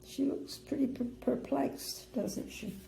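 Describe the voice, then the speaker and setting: Creaky sweet old lady reading bedtime stories. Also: sits high, slow, warm tone, a little hiss or hum. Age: older. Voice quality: creaky, gravelly. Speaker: storyteller grandmother. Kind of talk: expressive bedtime story read-aloud with chatty asides. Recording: roomy indoor echo.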